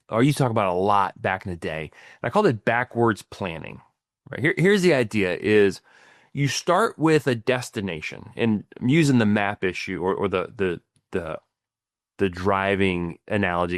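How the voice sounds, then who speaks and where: This middle-aged man's voice sits on the low side, captured in a dry, studio-quality recording. As a financial planner co-hosting a podcast, he explains ideas in casual talk marked by many restarts and frequent "right?" tags.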